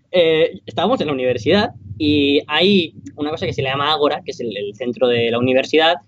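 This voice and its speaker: A young man tells a story as a podcast co-host, relaxed and chatty. His voice sits a bit high for a man. The recording is dry and somewhat dull, lo-fi. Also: a little fast, dry recording. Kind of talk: casual chat.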